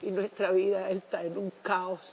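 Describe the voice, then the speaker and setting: A woman from Cuba, a reality show contestant speaking emotionally by a campfire, halting and repeating words, near tears. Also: medium pitch, flat delivery, a little mellow, breathy edge. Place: outdoors at a campfire at night.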